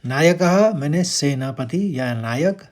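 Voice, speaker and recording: Slow, patient man teaching verse pronunciation. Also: fairly high pitch, expressive. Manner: patient, breaks words into syllables and demonstrates; chants verse lines louder and drawn out. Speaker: Sanskrit recitation teacher.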